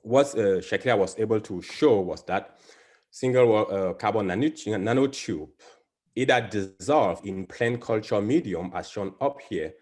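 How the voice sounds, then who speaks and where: A Cameroonian man who teaches biology presents academically over a video link. His lowish voice is a little mellow, and he halts repeatedly, with many fillers and restarts.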